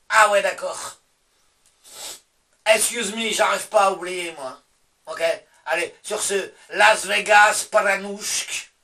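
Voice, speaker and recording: A man's voice: high voice, bright, forceful tone, slight background noise. Belgian-accented male vlogger, mocking casual rant, distant from the mic. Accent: Belgian French. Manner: sarcastic, swears, talks back to himself in asides. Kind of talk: casual ranting monologue.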